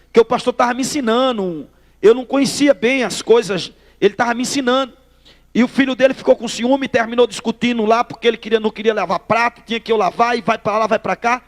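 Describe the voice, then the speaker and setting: A man's voice: very high voice, fast talker, long reverb tail. A man from Northeast Brazil, telling his testimony in a sermon, acting out the dialogue as he goes. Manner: lively storyteller acting out dialogue, addresses listeners as brother. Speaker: preacher giving testimony.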